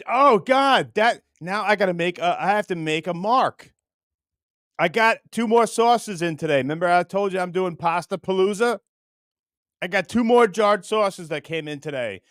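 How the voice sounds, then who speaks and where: A middle-aged man hosts a livestream, chatting casually and rambling, with jokes that are blunt and crude. His high-sitting voice swings between muttering and loud bursts, captured at studio quality with no echo.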